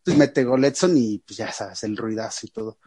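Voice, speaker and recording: A man's voice: lowish voice, normal speed, husky, no echo. A man with a Mexican accent, a podcast co-host chatting casually and telling a story full of slang. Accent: Mexican Spanish. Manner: animated storyteller, heavy slang, acts out quotes. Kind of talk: casual chat, reading listener questions.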